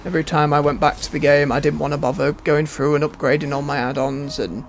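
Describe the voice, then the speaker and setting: A man's voice: fairly high pitch, flat delivery, fast, creaky. A man giving rambling, understated casual commentary as he plays a game. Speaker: game streamer. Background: game music.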